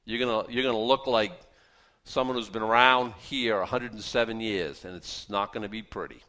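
A man's voice: on the low side, fairly even intonation, normal speed, bright, forceful tone. A man in his fifties preaching a conversational Bible-teaching sermon, folksy in manner, with joking asides and rhetorical questions that he answers himself. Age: 50s. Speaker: pastor preaching to a congregation.

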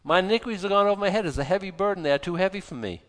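A man's voice: high-pitched, very fast, fairly bright tone. A man in his fifties giving a casual, rambling sermon, self-deprecating and joking, now and then acting out angry outbursts. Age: 50s. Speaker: preacher. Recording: long hall reverb.

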